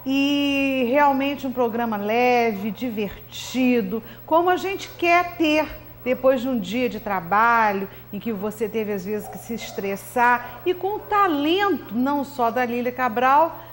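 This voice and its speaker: Woman, TV co-host, slightly high voice, earnest, reflective, measured. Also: slight background noise. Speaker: TV talk show co-host, commentator. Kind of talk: TV talk show opinion segment. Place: local TV studio.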